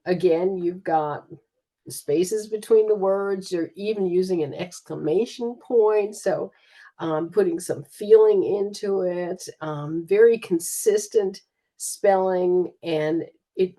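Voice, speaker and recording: A woman giving a relaxed, chatty slide presentation from a computer, with frequent fillers. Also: fairly low pitch, slow pace. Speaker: student presenter.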